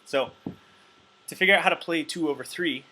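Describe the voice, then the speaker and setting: Bright-voiced man teaching drums. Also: fairly high pitch, a little fast, rough recording. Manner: loose and chatty, many ums, counts beats aloud. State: wired on caffeine. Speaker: drum teacher. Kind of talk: casual instructional talk.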